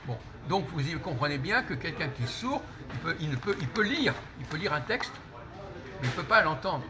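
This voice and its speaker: A man's voice: on the high side, very animated. A man explaining his ideas in casual café conversation, lecturing with many restarts. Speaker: host. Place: busy fast-food restaurant. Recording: crowd noise of a fast-food restaurant.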